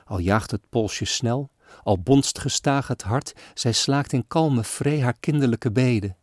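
A man giving a solemn, expressive recitation of an old-fashioned story poem. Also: medium pitch, slow pace, dry recording, studio quality. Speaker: reader. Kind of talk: dramatic poetry recitation.

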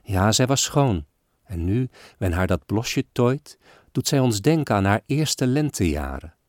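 A man giving a solemn, expressive recitation of an old-fashioned story poem. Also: lowish voice, measured pace, no echo, studio quality. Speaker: reader. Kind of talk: dramatic poetry recitation.

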